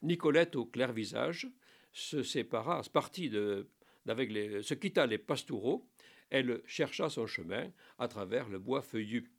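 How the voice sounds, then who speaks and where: Man, gravelly voice, animated intonation, didactic lesson with playful asides. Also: medium pitch, a little slow. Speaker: teacher explaining French verse. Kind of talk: spoken lesson with recited verse.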